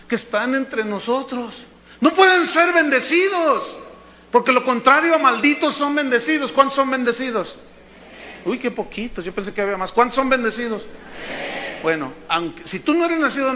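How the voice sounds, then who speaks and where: A man preaching with a high, bright voice, acting out the people in his stories. He swings between quiet asides and sudden shouts. A faint background noise sits under the recording. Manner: lively, acts out dialogue with bursts of shouting. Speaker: pastor. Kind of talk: animated sermon.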